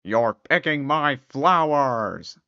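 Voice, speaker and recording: A performer voicing a big hairy male beast with a werewolf-like growl, sly and smooth-talking, in a storybook tale. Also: medium pitch, expressive, takes it slowly, bright, forceful tone, no room sound, muffled recording, pitched above the performer's own voice, full character voice. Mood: menacing.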